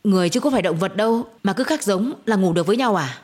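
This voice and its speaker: A woman voicing an outraged young woman who shouts in quick, angry bursts, in a storybook reading. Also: medium pitch, animated, lightly acted. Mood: furious. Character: furious, loyal young woman friend.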